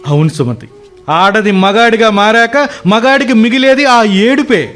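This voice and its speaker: A grief-stricken, guilt-ridden son. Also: male voice, sits high, lively intonation, a little slow, a bit bright. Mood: remorseful. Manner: mournful, self-reproaching. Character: guilt-ridden married son, grieving, remorseful. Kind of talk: radio play acting. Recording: faint music behind.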